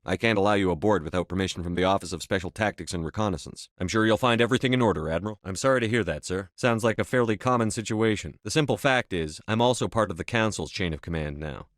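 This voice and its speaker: Man playing a deep-voiced, no-nonsense military commander. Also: fast, few pauses, no room sound, studio quality, natural voice. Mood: formal, respectful. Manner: clipped, firm, formal military delivery. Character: steadfast, no-nonsense human male military starship commander. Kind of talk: video game dialogue lines.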